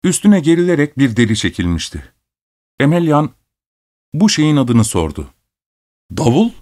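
A man narrating a folk tale in a steady, measured reading voice. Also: a little high.

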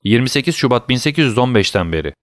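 A man's voice: medium pitch, expressive, fast talker, dry recording, studio quality, natural voice. A man voicing a desperate young sailor locked in a dungeon, pleading and exclaiming in a slightly raised voice, in an audiobook reading. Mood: earnest.

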